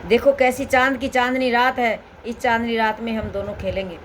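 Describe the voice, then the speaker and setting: A woman's voice: on the high side, flat delivery, moderate pace, a bit bright, slight background noise, close to an everyday voice, poor audio. A woman voicing a devoted little village boy who pleads earnestly and with childlike love. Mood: pleading.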